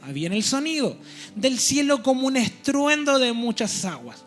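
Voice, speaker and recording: A man's voice: extremely high pitch, big pitch swings, moderate pace, a bit bright, faint music behind. A man preaching a teaching sermon in a church. He explains step by step and keeps checking in with his listeners.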